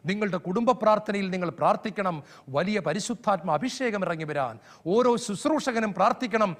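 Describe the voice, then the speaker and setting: A high-pitched male preacher delivers a fervent sermon in a steady cadence, stacking phrase after phrase. His voice rings through a hall with a long, trailing reverb.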